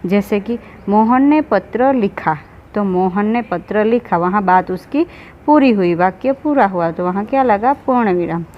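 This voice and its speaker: A woman teaching a school grammar lesson, who explains slowly and asks questions she then answers herself. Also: medium pitch, animated. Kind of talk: online Hindi grammar lesson. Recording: slightly dull recording with faint background noise.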